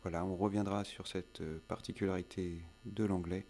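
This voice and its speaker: A man teaching a recorded lesson, speaking slowly and carefully and stressing each example word clearly. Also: low voice, little pitch movement, a little mellow, a little hiss or hum. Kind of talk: recorded home-study lesson.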